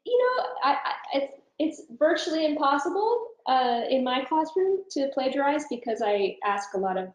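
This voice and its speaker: A woman professor, interviewed as a guest, answers thoughtfully and informally, often rewording as she goes. Her high voice is very animated, at a moderate pace with hardly any pauses. The room sounds roomy and echoing.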